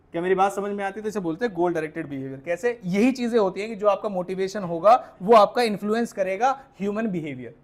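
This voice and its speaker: A young man teaching a class, asking students questions, repeating key points, mixing English terms into his explanations and telling stories from his own life as examples. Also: high-pitched. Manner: tells personal anecdotes as examples. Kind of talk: classroom lecture.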